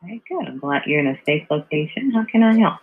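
A man from Texas gives hesitant, helpful customer service. His fairly high voice has a lot of fry and comes down a narrow phone line. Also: very animated, quick pace. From Texas, United States. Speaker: roadside assistance call agent.

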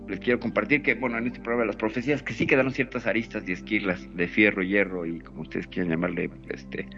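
A man's voice: lowish voice, a bit bright. A man with a northern Mexican accent chatting casually as co-host of a radio show, jokey and fond of repeating words. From Sonora, Mexico. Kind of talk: casual live radio chat. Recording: muffled lo-fi online radio with background music. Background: music.

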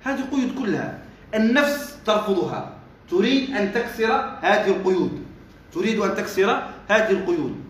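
A man's voice: high voice, expressive, fairly quick, slight background noise. A male religious teacher giving commentary on a classical text, explaining step by step, quizzing his students, and slipping dialect asides into formal speech. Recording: very echoey room.

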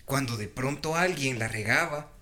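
A man's voice: mid-range voice, moderate pace. A man with a Salvadoran accent in a casual podcast chat, acting out example phrases as he talks. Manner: animated, acts out example phrases in lively voices. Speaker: podcast co-host or guest.

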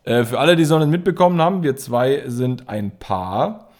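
Co-hosting a casual podcast, a thirtysomething man from Rhineland-Palatinate, Germany, speaks with a Palatinate German accent at normal speed. His medium-pitched voice is animated and a little mellow. He sounds hesitant, with frequent fillers and restarts.

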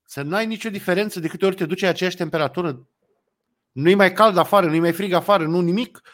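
A man with a slightly high voice chats casually. He asks short, curious questions and lets the others do most of the explaining. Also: fairly bright tone. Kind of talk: casual chat.

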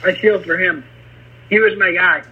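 A man's voice: sits high, steady tone, normal speed, husky. A man co-hosting a podcast in casual chat, joking and hiccuping. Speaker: podcast co-host. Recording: dull lo-fi sound.

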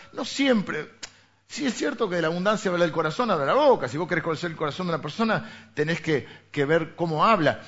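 Male pastor, Rioplatense accent, conversational sermon with rhetorical questions, pitch on the higher side. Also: fairly bright tone. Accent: Rioplatense Spanish. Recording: dull lo-fi recording.

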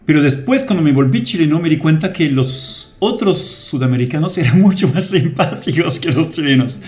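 A man from France, a French native speaking in a relaxed, chatty way with frequent hesitations, interviewed as a guest in a radio studio. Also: fairly high pitch, normal speed. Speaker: guest, company director.

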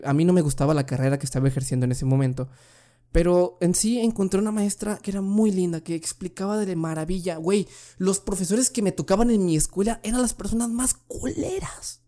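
A man's voice: high-pitched, warm tone. Slangy young Mexican man telling stories. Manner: slangy, says "güey" constantly, many restarts. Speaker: vlogger giving school advice. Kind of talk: casual storytelling. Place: room at home, family downstairs.

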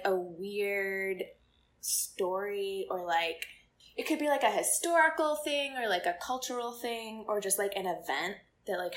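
Bright-voiced chatty young woman. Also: medium pitch. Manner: chatty, giggly, many "like" fillers. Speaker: podcast co-host. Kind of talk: casual podcast chat.

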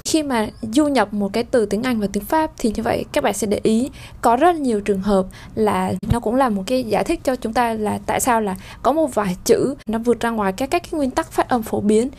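Woman teacher, higher pitch, patient explanatory lesson delivery. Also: a little fast, a little mellow. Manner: explanatory, many fillers, demonstrates vowel sounds. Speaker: French pronunciation teacher. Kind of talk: spoken lesson.

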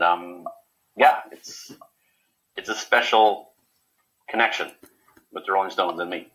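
Halting man with a bright, low voice. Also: rough recording. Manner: halting, many repeated words and fillers. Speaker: guest. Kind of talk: casual interview chat.

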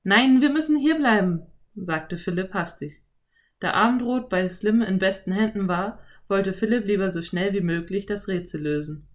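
A woman narrating a children's audiobook in a calm, even reading voice. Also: medium pitch, moderate pace. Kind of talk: scripted storybook narration.

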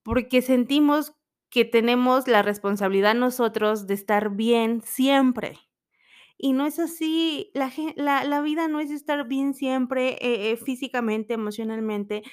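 A woman's voice: on the high side, a little slow, clear, resonant tone. A young woman talking casually and personally, telling stories and acting out what others said. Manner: chatty, storytelling, expressive quoted voices.

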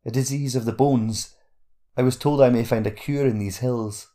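A man voicing a frightened young boy who answers quickly in a shaky voice. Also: medium pitch, fairly even intonation, dark tone, pitched above the performer's own voice, close to an everyday voice.

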